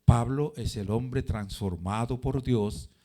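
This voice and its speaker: A man's voice: medium pitch, takes it slowly, dark tone. A man preaching a sermon in church, asking rhetorical questions, answering them himself and repeating phrases for emphasis.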